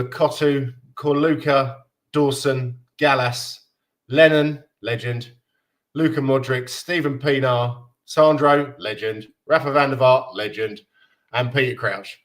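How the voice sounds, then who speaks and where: A Danish man in his thirties hosts a casual fan livestream, chatting loosely and laughing often as he reads viewer comments aloud. His voice is medium in pitch and a bit bright, with fairly even intonation and a measured pace.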